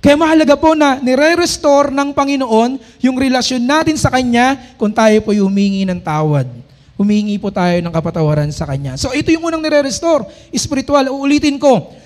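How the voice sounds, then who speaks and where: A man preaching from the pulpit in a very high voice. He is a middle-aged pastor who keeps drawing answers from the congregation. He reads his scripture passages slowly and with force. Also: animated. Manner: preaching with frequent call-and-response to the congregation. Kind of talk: sermon.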